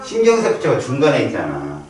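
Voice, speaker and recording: A biology teacher lectures his class in a lively, playful manner, his pitch rising and falling a lot as he acts out quick reactions. He is recorded from far away in a strongly echoing classroom, with crowd noise around him.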